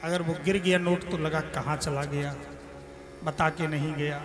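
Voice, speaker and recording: High-pitched man preaching in an echoing hall. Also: measured pace. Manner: animated, acts out characters' cries and voices in stories. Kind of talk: devotional sermon with storytelling. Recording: long hall reverb with music behind.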